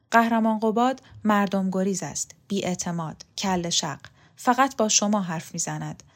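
A woman voicing a secretive, earnest male poet in an audiobook, speaking in a hushed, pleading way. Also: medium pitch, natural voice.

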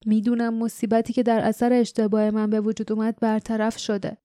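A woman voicing a gentle dying father in an audiobook, speaking softly and weakly. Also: on the high side, completely flat delivery, dry recording, studio quality, lightly acted. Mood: tender. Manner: soft, weak, murmuring.

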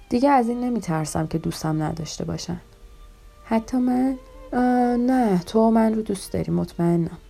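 A woman reading a novel aloud, voicing the dialogue in a soft, intimate storytelling manner. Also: medium pitch, gravelly. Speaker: audiobook reader.

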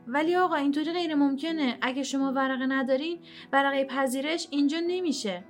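A woman voicing a nun who is gentle in tone but cold and official about the rules, in a storybook reading. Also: high-pitched, faint music behind, close to an everyday voice. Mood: bureaucratic. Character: kindly but rule-bound nun.

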